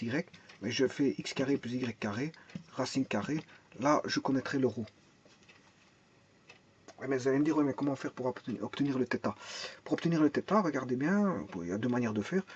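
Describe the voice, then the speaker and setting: A man's voice: mid-range voice, muffled recording, a little hiss or hum. A man teaching a math and physics lesson, explaining step by step, thinking aloud, repeating words and restarting often, and asking and answering his own questions.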